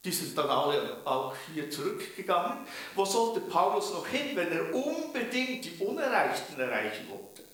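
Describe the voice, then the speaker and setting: A preacher and mission leader from the canton of Bern, Switzerland, delivers a sermon emphatically with rhetorical questions, in a Swiss German accent. His voice is high, sing-song and fairly bright at a moderate pace, recorded far from the mic in a very echoey room.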